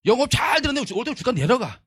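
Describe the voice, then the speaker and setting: A man's voice: very high voice, big pitch swings, fast, fairly bright tone, slightly rough, no room sound, studio quality. A man giving a motivational leadership lecture in an emphatic style, repeating his points and asking his audience rhetorical questions.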